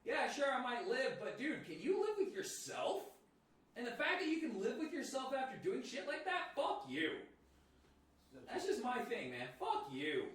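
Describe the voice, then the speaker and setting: Give me a laid-back, foul-mouthed man co-hosting a podcast, recorded far off in a roomy space. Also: high voice. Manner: profane, laid-back, laughs easily. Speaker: podcast co-host. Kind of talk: casual podcast chat. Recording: echoey room, mic at a distance.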